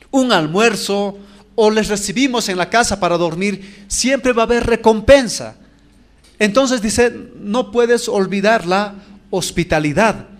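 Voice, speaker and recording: A pastor delivers a sermon in a high, lively voice. He preaches with animation and slips into the voices of the people in his stories.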